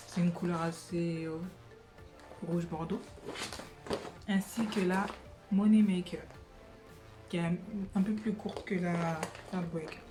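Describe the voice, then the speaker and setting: Chatty young woman, many fillers. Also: on the low side. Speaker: beauty vlogger. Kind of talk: casual wig try-on vlog. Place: living room at home.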